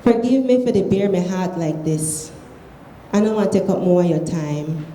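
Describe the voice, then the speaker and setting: A woman with a Belizean accent reads a short story aloud in a soft, mellow voice. The room rings with echo and there is faint noise behind the measured, expressive delivery. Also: fairly low pitch. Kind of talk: literary reading aloud of prose fiction.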